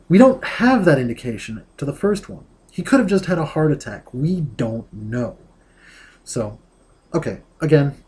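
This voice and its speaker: A man's voice: on the high side, mellow. A man reading a novel aloud and breaking off to criticize its writing in a dry, nitpicking, digressive way.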